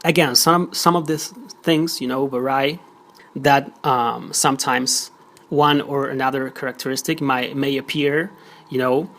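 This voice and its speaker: Creaky-voiced male teacher explaining. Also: mid-range voice, fairly bright tone. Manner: explanatory, many fillers and check-ins like "okay?". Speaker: Spanish teacher. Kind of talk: recorded audio lesson.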